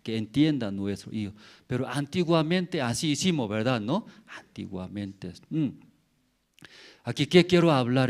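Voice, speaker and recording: Korean-accented pastor guy, middle-aged, preaching slow, keeps asking "mm?". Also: fairly low pitch. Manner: simple broken Spanish, rhetorical questions with "mm?" tags. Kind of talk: sermon.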